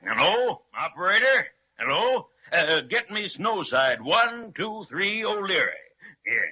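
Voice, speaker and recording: Fatherly old Santa, hearty and lively, 1930s radio drama, muffled. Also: high-pitched, breathy edge, full character voice. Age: older. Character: jolly kindly old Santa Claus.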